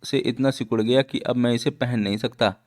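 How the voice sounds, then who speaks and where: A man's voice: mid-range voice, steady tone, brisk, natural voice. A glum, chubby food-lover played by a man complains mopily in a comic read-along. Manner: mopey, complaining.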